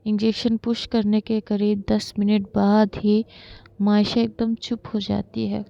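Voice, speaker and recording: A woman storyteller narrates a dramatic love story with halting restarts. Her delivery is very slow with a gravelly fry and a mellow tone. The recording is dry and dull, lo-fi. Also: medium pitch, little pitch movement.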